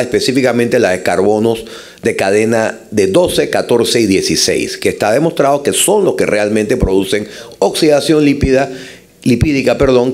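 A man's voice: mid-range voice, darkish tone. A man in his sixties with a Panamanian accent, explaining points emphatically as a conference delegate. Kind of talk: formal but extemporaneous conference remarks. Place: large conference hall. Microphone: gooseneck table microphone.

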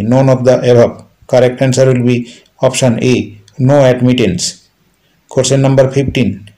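A man reading multiple-choice quiz questions and answers aloud as a teacher, in a steady, repetitive listing manner. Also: mid-range voice, rough recording.

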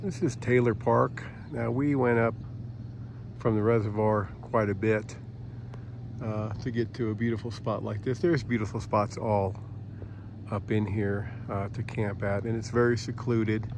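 A man casually walking through his campsite as he films, talking in a relaxed, rambling way with many fillers. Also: on the low side, unhurried. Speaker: vlogger. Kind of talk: casual walkthrough narration. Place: outdoor mountain campsite. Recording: outdoor camera audio with clear background noise.

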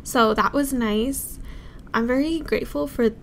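A high-voiced young woman in her twenties chats through a travel vlog, gushing and giggling at what she sees. She talks at an easy, unhurried pace into a handheld camera held at arm's length. Outdoor traffic noise is clearly heard behind her. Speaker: travel vlogger. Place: outdoors in a rainy city park. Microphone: handheld phone or camera at arm's length.

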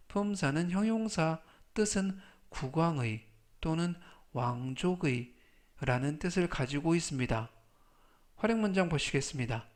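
A man teaching English vocabulary in a scripted lesson, repeating each word slowly and carefully, speaking. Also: on the high side.

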